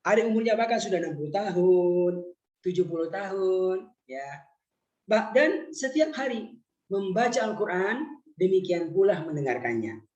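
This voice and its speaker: A man teaching a Quran lesson in an online webinar, putting questions to his listeners and slowing right down when he recites. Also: sits high, lively intonation, darkish tone, roomy sound, dull audio. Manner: questions the audience, slow drawn-out recitation. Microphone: video call.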